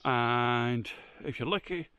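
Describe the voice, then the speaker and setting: A man's voice: medium pitch, takes it slowly, bright, forceful tone, smooth, lo-fi sound. A man, chatting casually to camera in the woods, rambling with lots of ums. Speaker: photography vlogger. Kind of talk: casual vlog chat. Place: outdoors in woodland by a stream.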